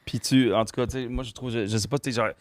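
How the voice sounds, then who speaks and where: A man's voice: medium pitch, fairly even intonation, fast talker, no room sound, clean studio sound. A man with a Québécois French accent co-hosting a podcast in a chatty way. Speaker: podcast co-host. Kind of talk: casual podcast chat.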